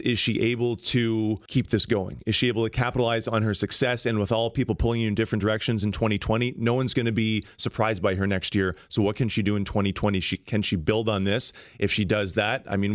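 A man's voice: fairly low pitch, fairly even intonation, quick pace, few pauses, no echo, studio quality. A man who is a sports reporter, giving thoughtful analysis on the radio.

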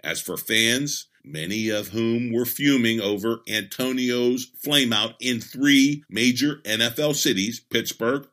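A man hosting a sports podcast, reading a scripted opinion update in a measured, emphatic way. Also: mid-range voice, fairly bright tone.

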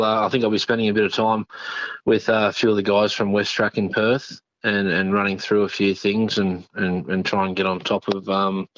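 A man's voice: on the low side, no room sound. A middle-aged Australian man giving a casual phone interview in a laconic, understated outback drawl. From northern New South Wales, Australia. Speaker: interview guest, machinery operator. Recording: dull phone line.

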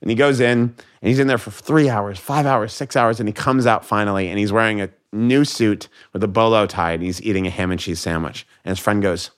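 An American man, a comedian guest on a podcast, telling jokes in casual chat and doing quick voices for the people in them. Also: lowish voice, smooth. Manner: animated storyteller, voices joke characters.

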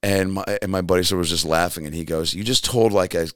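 Low-voiced man telling a comic story. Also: quick pace, no room sound, studio quality. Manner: animated storyteller acting out quotes. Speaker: comedian guest. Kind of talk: casual podcast storytelling.

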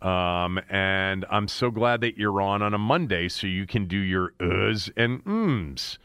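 A man hosting a sports podcast in casual chat, talking his way through a topic with restarts and a voice that is going hoarse. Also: sits low, expressive, slow, a bit bright, no echo. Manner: chatty, restarts mid-sentence. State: losing his voice. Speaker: podcast host.

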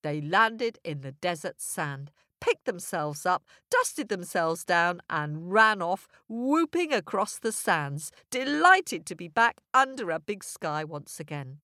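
A woman narrating a children's folk tale, expressive, playful and song-like. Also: lowish voice, slow pace, hardly any pauses, no echo, clean studio sound. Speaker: storyteller.

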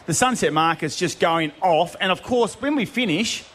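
A man's voice: high-pitched, animated, moderate pace, fairly bright tone. A man with an Australian accent co-hosting a live outside radio broadcast, joking at his own expense. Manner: self-mocking, jokey. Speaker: radio co-host.

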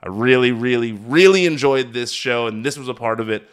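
Brisk and clean-toned at a medium pitch, this American man runs a podcast where he recaps wrestling on his own. His commentary is relaxed and talkative, but delivered with plenty of enthusiasm and emphasis.

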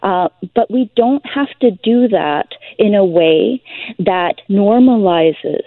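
A woman's voice: mid-range voice, lively intonation, takes it slowly, no room sound. Woman speaking on a tinny phone line. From Canada. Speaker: politician. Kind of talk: phone interview on talk radio.

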